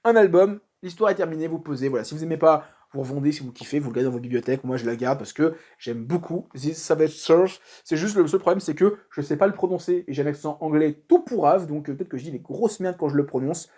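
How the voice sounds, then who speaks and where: A man's voice: fairly high pitch, quick pace, hardly any pauses, mellow. A man casually talking through a comic book review, informal and chatty, with frequent fillers and restarts. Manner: informal slang.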